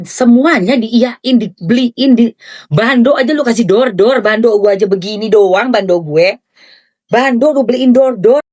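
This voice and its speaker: A woman giving excited, gushing reaction commentary on celebrity gossip in chatty slang. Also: on the high side.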